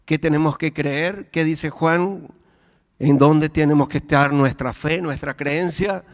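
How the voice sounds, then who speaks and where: Slow emphatic Argentine preacher man. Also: on the high side. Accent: Argentine Spanish. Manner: emphatic, swings between raised and hushed delivery. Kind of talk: sermon. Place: church. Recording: church hall reverb with faint music.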